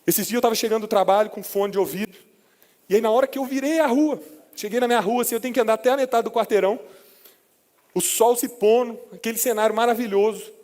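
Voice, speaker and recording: Man, Brazilian accent, pastor, sermon, impassioned, high-pitched, long hall reverb. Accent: Brazilian Portuguese. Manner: impassioned, swings from low hushed lines to raised emotional peaks. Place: church hall.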